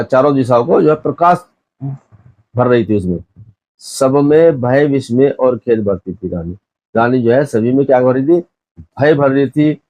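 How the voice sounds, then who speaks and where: A male teacher who reads lines of verse slowly, then paraphrases them and asks the class questions about figures of speech. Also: medium pitch, darkish tone, dry recording. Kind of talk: line-by-line explanation of a Hindi poem for exam students.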